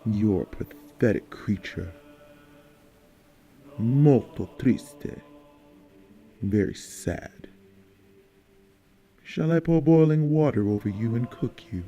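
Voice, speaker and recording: A man's voice: mid-range voice, lively intonation, takes it slowly, long pauses, mellow, dull audio, faint music behind, voice pushed down. A man voicing a cold, sneering mob enforcer who taunts his captive. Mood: menacing. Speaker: audiobook character.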